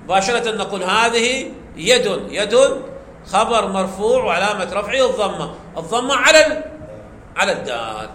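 A man's voice: high voice, animated, moderate pace, sharp tone. A man teaching a grammar lesson, explaining step by step and quizzing his class with questions he answers himself. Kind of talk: classroom lecture. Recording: echoey room, faint background noise.

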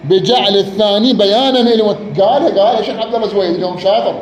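High-voiced man teaching grammar. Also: rapid-fire. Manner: repeats words, quizzes the student. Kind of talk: Arabic grammar lesson, question and answer. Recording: echoey room, faint noise.

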